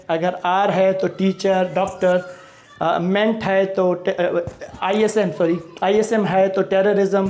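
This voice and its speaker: A young male English teacher with a high, slightly mellow voice gives a lesson, spelling out word endings letter by letter. He checks in with the class often, saying "theek hai."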